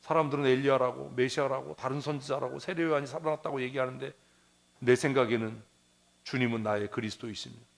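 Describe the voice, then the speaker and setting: A man's voice: mid-range voice, fairly even intonation, fast, gravelly. A male pastor preaching a sermon in a church, asking the congregation questions and answering them himself, repeating phrases for emphasis.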